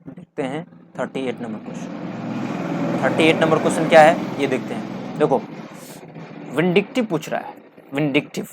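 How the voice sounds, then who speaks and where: A man's voice: medium pitch, darkish tone, slight background noise. A male English teacher explains exam vocabulary, asking questions and answering them himself, repeating key words. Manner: repetitive, asks and answers his own questions.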